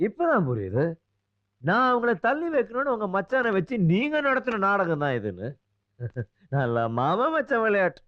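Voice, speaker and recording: A man's voice: high-pitched, wildly swooping pitch, normal speed, pauses often. An actor playing a drunk young man who mocks his elders, then pleads with his father. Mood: mocking. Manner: slurring, mocking then pleading. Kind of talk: film drama acting. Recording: dull film soundtrack.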